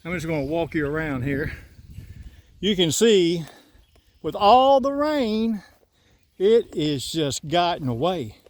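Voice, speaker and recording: High-voiced Southern man with a drawl. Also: sing-song, takes it slowly, long pauses, a little mellow. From Southern United States. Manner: folksy, rambling, chatty. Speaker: homesteader filming his garden. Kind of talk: casual walkthrough vlog. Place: outdoors in a rural garden. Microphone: phone on selfie stick.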